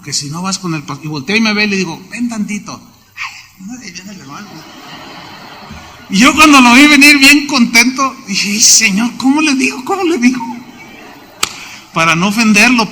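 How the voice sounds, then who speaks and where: A man with a Mexican Spanish accent preaching a sermon as pastor, telling lively stories and acting out the people in them, with sudden shouts. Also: high voice. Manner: animated storytelling, voices quoted people, sudden shouts. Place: church sanctuary. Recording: long hall reverb.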